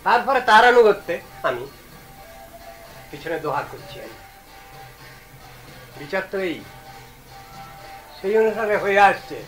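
A man giving an earnest devotional discourse, reasoning aloud and reciting verses slowly. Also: high-pitched, sing-song, a bit bright, faint music behind, poor audio. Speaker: religious speaker.

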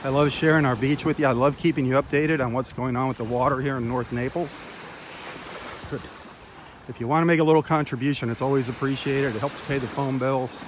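A man's voice: medium pitch, fairly even intonation, fairly quick. Chatty man on a noisy beach. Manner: chatty and enthusiastic, addresses viewers directly. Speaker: host of a live beach walk stream. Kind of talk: casual live-stream narration. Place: outdoors on a beach. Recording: loud outdoor noise of surf and wind.

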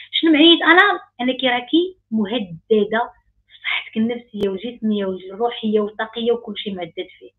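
Moroccan woman coach, rapid emphatic delivery, husky voice, phone-quality sound. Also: mid-range voice. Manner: emphatic, repetitive, rising intensity. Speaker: life coach. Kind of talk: animated online talk.

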